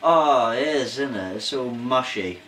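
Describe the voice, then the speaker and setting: A man's voice: medium pitch, animated, measured pace, a bit bright. A man co-hosting a casual food taste-test, laid-back with dry jokes. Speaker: food review co-host. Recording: echoey room, faint noise.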